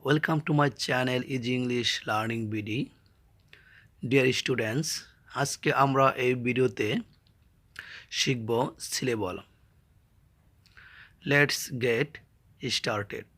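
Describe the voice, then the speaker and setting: A man with a Bangladeshi accent teaching an English grammar lesson and sounding out words slowly, syllable by syllable. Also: medium pitch, fairly bright tone. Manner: slow, spells words out syllable by syllable.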